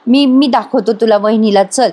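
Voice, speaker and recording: A woman narrator voicing a calm younger brother, a doctor, who gently reassures his upset sibling. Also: very high voice, moderate pace. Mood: soothing.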